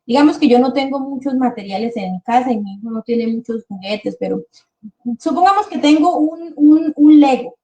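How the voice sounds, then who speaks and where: High-voiced woman speech therapist explaining. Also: animated, a little mellow. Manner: explanatory, slows down to model words for children. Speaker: speech therapist presenting a webinar. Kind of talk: webinar presentation to parents and teachers.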